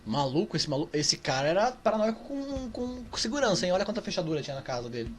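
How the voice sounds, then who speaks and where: An excitable man with a Brazilian Portuguese accent doing let's play commentary in a fairly high voice. He swears often and yells when he fails, over a noisy background hiss. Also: quick pace. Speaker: gaming YouTuber.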